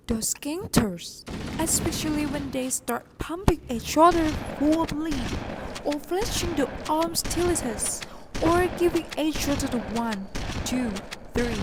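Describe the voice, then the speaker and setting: A Thai-accented woman playing a brash, television-obsessed boy in a student stage play, rushing her lines in excited bursts. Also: high voice, very noisy, full character voice. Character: TV-obsessed boy, brash, loves gangster shows. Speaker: student actor. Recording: loud gunfire sound effects behind.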